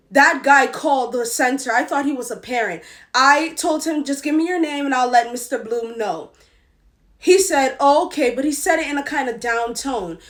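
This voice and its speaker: A woman's voice: high voice, a bit bright. A young woman and former tutor in a vlog rant, indignant and emphatic as she lays out her complaint. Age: young adult.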